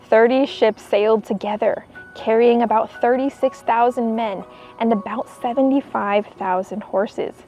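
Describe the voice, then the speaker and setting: A woman reading a children's book aloud in an expressive storytelling style, as a narrator for young listeners. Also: a little high, a little slow, soft background music.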